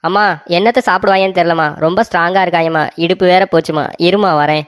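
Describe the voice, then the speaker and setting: A woman's voice: lowish voice, steady tone, fast talker, lightly acted. A woman voicing a young husband in a comic cartoon, pleading and repeating every line twice. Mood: anxious.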